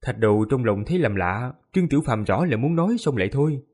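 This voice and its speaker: A man narrating a fantasy novel audiobook with lively, expressive storytelling. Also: medium pitch, fast, husky.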